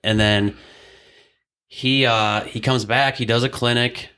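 A man's voice: mid-range voice, fairly even intonation, slow, bright, forceful tone, smooth. A man, a wrestling coach and podcast guest, telling his story in a loose, rambling way full of fillers and restarts. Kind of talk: casual storytelling in an interview.

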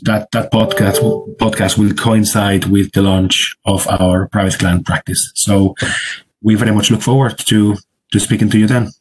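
A man's voice: on the low side, slight background noise. A man previewing the next podcast episode, laying out topics methodically. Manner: informative, methodical, uses fillers. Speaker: immigration practice leader, podcast panelist.

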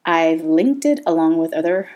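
Speaking at an ordinary pace, the Thai-born podcast host, a woman in her thirties, sounds low-pitched, expressive and a little mellow. She is open and candid in her monologue and laughs frequently.

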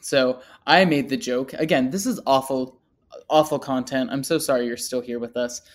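With a mid-range voice at a moderate pace, a podcast co-host meanders through a story in casual conversation. The humor is self-deprecating, and the telling wanders.

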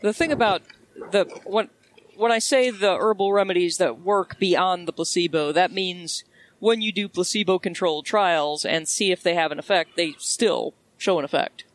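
A podcast co-host speaks at a mid pitch. They mostly chime in briefly to back up their partner, and sometimes explain a point in plain terms. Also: normal speed. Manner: brief supportive interjections. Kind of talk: casual podcast chat.

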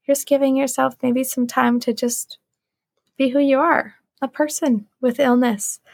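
A woman's voice: high-pitched, fairly even intonation, unhurried, gravelly, darkish tone, dry recording, studio quality. A young woman hosting a podcast, talking casually and earnestly in an encouraging way, with a lot of "like". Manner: earnest, encouraging, uses 'like' often. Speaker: podcast host. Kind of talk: casual solo podcast talk.

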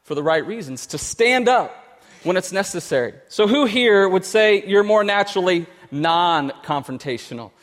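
Animated male pastor in a reverberant hall. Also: high voice, normal speed. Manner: conversational, animated storytelling with restarts. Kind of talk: sermon. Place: church sanctuary.

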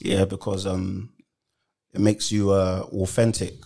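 A man, an actor, chatting casually on a podcast in a relaxed way, full of "you know" and "man". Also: low-pitched, unhurried, vocal fry. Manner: relaxed, laid-back, many fillers like "you know" and "man". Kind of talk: casual chat.

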